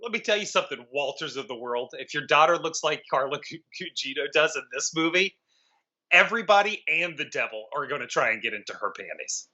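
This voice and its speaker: A man's voice: fairly high pitch, lively intonation, brisk, pushed and bright. A man co-hosting a casual movie review podcast, talking in a sarcastic, profane way. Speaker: podcast co-host. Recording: dull lo-fi sound.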